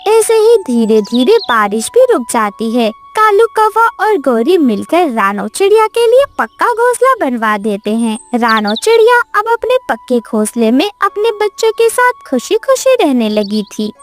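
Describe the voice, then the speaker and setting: A woman narrating a children's cartoon story with a high, sing-song delivery and very lively pitch. Soft children's music plays faintly behind her. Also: measured pace, hardly any pauses.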